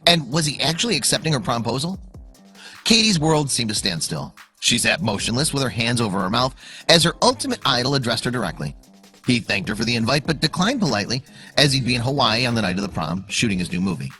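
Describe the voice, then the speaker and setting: A fast-talking man delivers a suspenseful, emphatic narration of a scripted story meant for online video. His mid-pitched voice is bright and forceful with animated swings, and soft background music sits under it.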